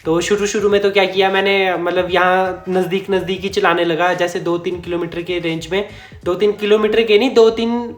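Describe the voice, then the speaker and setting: High-voiced man telling a rambling story. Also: little pitch movement, fairly quick. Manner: chatty, rambling, self-correcting, chuckles often. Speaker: vlogger. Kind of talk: casual storytime narration. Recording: echoey room.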